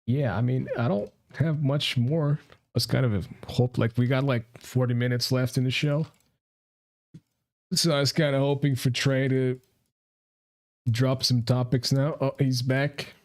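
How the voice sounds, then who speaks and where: A man's voice: mid-range voice, steady tone, unhurried. Profane ranting man, podcast co-host. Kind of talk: casual live podcast chat.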